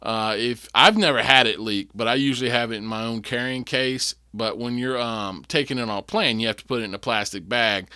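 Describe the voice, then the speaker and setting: A man's voice: mid-range voice, brisk, hardly any pauses, bright, forceful tone, clear, resonant tone, dry recording, clean studio sound. A middle-aged man chatting casually on a whiskey tasting show, rambling and full of fillers. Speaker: whiskey reviewer.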